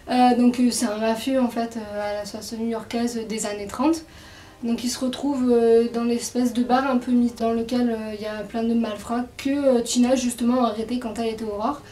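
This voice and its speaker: A woman's voice: a little high, warm tone, far from the mic. Hesitant woman in an echoey room. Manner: hesitant, many fillers. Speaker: book reviewer. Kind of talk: casual book presentation. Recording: echoey room, away from mic.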